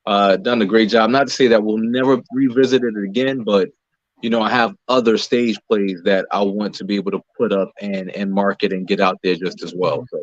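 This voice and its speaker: An American playwright and producer speaks casually as an interview guest, explaining things conversationally. His voice is fairly low, fairly even in intonation and a little fast. The recording is lo-fi and dull with a roomy echo.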